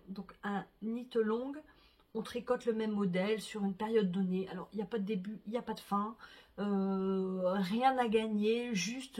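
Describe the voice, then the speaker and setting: Woman, knitting vlogger, slightly high, husky, chatty and unscripted, filler-heavy. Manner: chatty, many fillers, soft asides. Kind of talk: casual chat to camera.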